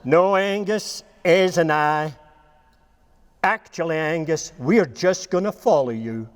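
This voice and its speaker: A man's voice: fairly high pitch, slow pace. A Scottish man doing a folksy American cattleman. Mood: friendly. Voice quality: impression of an American drawl over a Scottish voice. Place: talk in front of a live audience in a room.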